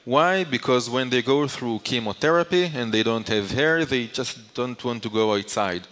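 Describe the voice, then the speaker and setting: At a moderate pace and in a mid-range, somewhat bright voice, a conference speaker explains his material to an audience, posing questions and answering them. The large hall adds a long echo to the recording.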